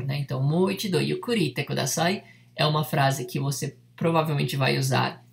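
Patient Japanese teacher, creaky. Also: medium pitch. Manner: patient, repeats each word slowly, frequent tag questions. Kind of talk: online language lesson.

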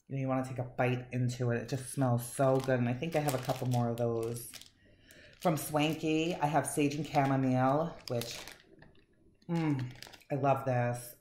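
A woman's voice: extremely low pitch, darkish tone. A woman chatting casually and enthusiastically as she reviews wax melts, rambling with fillers. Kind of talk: casual chat. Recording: echoey room, faint noise.

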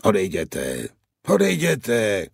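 A man's voice: medium pitch, big pitch swings, darkish tone, no room sound, clean studio sound, voice pushed up. A man voicing a fearful peasant gatekeeper in an audiobook, with a cracked voice and a wailing, begging manner. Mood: pleading. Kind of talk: audiobook character voice.

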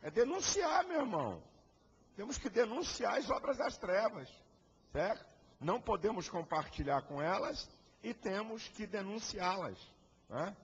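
A man's voice: high voice, big pitch swings, measured pace, breathy edge. A man, a pastor, preaching a fiery and combative sermon full of rhetorical questions. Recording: echoey hall, dull lo-fi sound.

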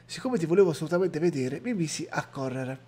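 A tender, fearful young sorceress, read aloud by a man. The delivery stays plain, like someone reading game dialogue off the screen. The voice sits a little high, with a husky edge. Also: lively intonation, fast, dark tone.

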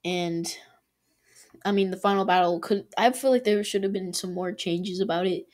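A woman hosting a casual review vlog, talking in an excitable, rambling way full of fillers and restarts. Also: mid-range voice, normal speed. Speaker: channel host ranking shows.

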